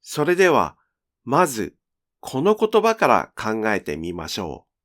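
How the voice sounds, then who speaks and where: A man narrates a scripted Japanese pronunciation lesson, speaking slowly and clearly in a teacherly way with lively pitch.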